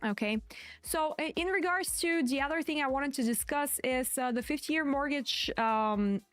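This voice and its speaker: Quiet but clear woman, high-pitched trading commentary. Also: normal speed, soft background music. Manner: hesitant, self-correcting, repeats phrases. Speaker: trading stream host. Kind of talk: live market commentary, casual and explanatory.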